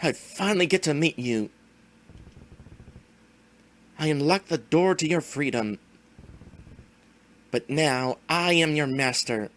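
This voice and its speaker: A man voicing a scheming, power-hungry game villain in a slow, theatrical, menacing manner. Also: a little high, fairly bright tone. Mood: commanding. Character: scheming megalomaniac male villain seeking forbidden power. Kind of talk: dramatic reading of RPG game dialogue.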